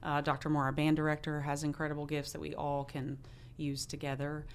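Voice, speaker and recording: Woman, choir teacher, low voice, gravelly edge, earnest, heartfelt. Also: monotone, a little fast, a little hiss or hum. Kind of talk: interview conversation.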